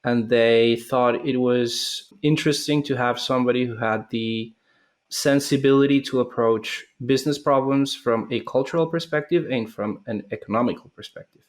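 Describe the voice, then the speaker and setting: A man in his thirties, from Colombia, talks through his work as a founder in an interview. He speaks thoughtfully at a medium pitch and often pauses and restarts his sentences. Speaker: startup founder, guest. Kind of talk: interview answers.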